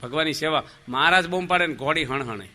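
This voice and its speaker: A man, a monk giving a humorous devotional sermon, telling stories in an animated way, asking the audience questions and acting out the dialogue. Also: a little high, fast.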